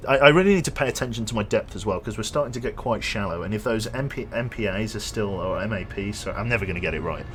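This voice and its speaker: Talking fast with hardly any pauses, a young streamer with a lowish, slightly bright voice rambles through casual chat while gaming. He reads his viewers' messages aloud and jokes around, over a slight hiss or hum.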